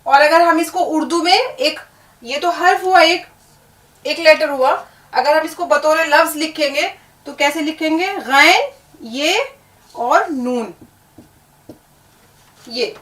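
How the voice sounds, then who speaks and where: A woman's voice: high-pitched, long pauses, fairly bright tone, reverberant, far from the mic. A woman teaching a language lesson, patiently spelling out words, repeating them and checking with the learner. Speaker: Urdu teacher. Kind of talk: classroom lesson on letters and words.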